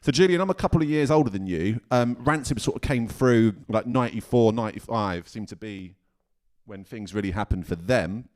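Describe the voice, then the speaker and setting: A man's voice: fairly low pitch, expressive, a little fast, darkish tone. A man in his thirties hosting a music podcast, jokey and matey, who swears freely. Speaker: podcast host. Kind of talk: casual chat.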